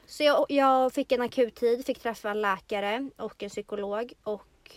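A woman's voice: a little high, no room sound. A young woman from Sweden, co-hosting a podcast, earnestly and reflectively telling a personal story in casual chat. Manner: earnest, slow and reflective retelling. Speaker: podcast co-host.

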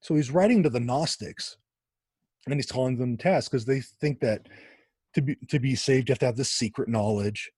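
Man, podcast guest, husky dry voice, animated storyteller who restarts his sentences. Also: mid-range voice, normal speed, dry recording. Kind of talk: conversational storytelling.

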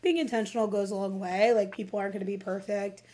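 This host is a woman in her late twenties who talks fast in a mid-range voice. Her casual, chatty delivery is full of "like," and she acts out quotations with lots of animation.

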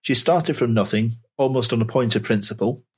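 A man's voice: mid-range voice, a little fast, slightly rough. A man hosting a podcast interview, chatty and friendly, often restarting his phrases. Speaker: podcast host. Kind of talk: casual interview.

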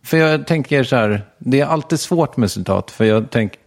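A man's voice: medium pitch, lively intonation, creaky. A man hosting a podcast, interviewing in casual chat with teasing, dry jokes. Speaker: podcast host.

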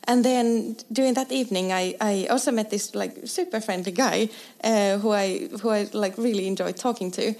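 A woman's voice: medium pitch, steady tone, moderate pace, few pauses, a little mellow. A young woman from Finland, a designer guest, telling her story in a casual interview with lots of fillers, restarts and laughter. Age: young adult.

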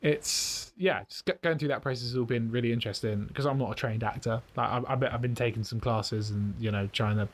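A man's voice: medium pitch, fairly quick, few pauses. Young man chatting, hesitant and laughing. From Britain. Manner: hesitant, full of fillers and restarts, laughs often. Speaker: stand-up comedian guest. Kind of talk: casual interview chat.

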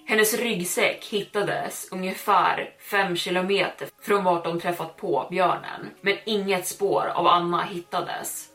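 A woman's voice: fairly low pitch, a bit bright. A woman hosting a podcast, narrating a first-person horror story in a tense reading.

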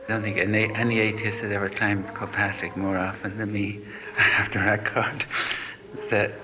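A man's voice: on the low side, little pitch movement, moderate pace, crowd noise. A man giving blunt, opinionated answers in a casual interview. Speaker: hill climber interviewee. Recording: noisy location recording.

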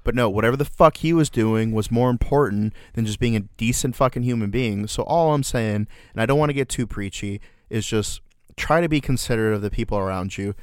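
A man banters as a podcast co-host. His voice is smooth and a little low, recorded dry and close. He rambles through sardonic asides and swears casually. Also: fairly quick, dry recording.

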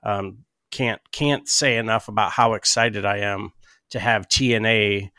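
A man's voice: lowish voice, fairly even intonation, a little slow, bright, forceful tone, no room sound, clean studio sound. A man hosting a podcast, chatting casually and with enthusiasm about sport. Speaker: podcast host. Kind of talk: casual wrestling talk.

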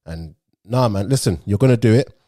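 A man's voice: fairly low pitch, lively intonation, brisk, dark tone. A man with a London roadman accent hosting a slangy, casual podcast chat, speaking emphatically and encouragingly and often repeating himself. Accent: London roadman, multicultural urban London. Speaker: podcast host.

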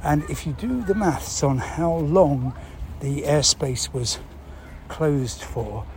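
Unscripted and hesitant, a man with a relaxed, mellow voice on the high side talks through the news for listeners. He thinks aloud, asking himself questions and then supplying the answers, while clear noise runs in the background.

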